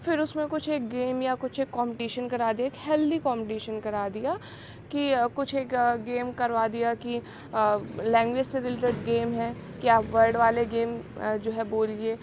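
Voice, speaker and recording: A woman's voice: a little high, steady tone, moderate pace, a little mellow, a little hiss or hum. A woman teaching a pedagogy lesson for teacher exams, explaining points and often checking in with "okay". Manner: explains in Hindi mixed with English terms, frequent "ठीक है" check-ins. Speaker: teacher exam coach. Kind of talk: pedagogy lecture.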